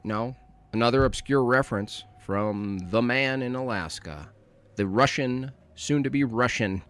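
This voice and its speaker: A man's voice: medium pitch, a little slow, fairly bright tone. A man co-hosting a podcast in loose, teasing banter, rambling and laughing at his own jokes. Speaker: podcast co-host. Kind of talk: casual banter.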